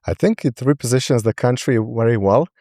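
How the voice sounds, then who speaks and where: A man from Slovenia, a podcast guest, speaking in a halting way and often repeating words as he searches for them. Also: mid-range voice, dark tone, dry recording, clean studio sound. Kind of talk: podcast interview.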